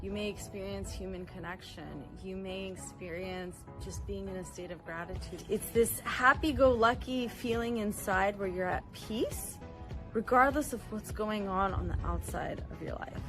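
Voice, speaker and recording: A woman guiding listeners through a gratitude and breathing exercise in a calm, encouraging voice. Her pitch sits mid-range, with music clearly audible behind her. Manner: calm, encouraging instruction with slow breathing cues. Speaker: wellness instructor. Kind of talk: guided gratitude practice.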